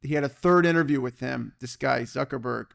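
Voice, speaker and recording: A man hosting a podcast in a casual, energetic way, often checking in with "okay" and "right?". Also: medium pitch, fairly quick, gravelly. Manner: energetic, excitable, peppers talk with "okay" and "right?". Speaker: podcast host.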